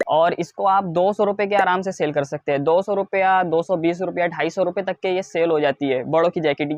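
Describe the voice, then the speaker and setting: An Indian man giving a product showcase as a wholesale seller, in a repetitive, insistent sales pitch that stresses low prices. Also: no echo, muffled recording. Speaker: wholesale clothing seller presenting stock.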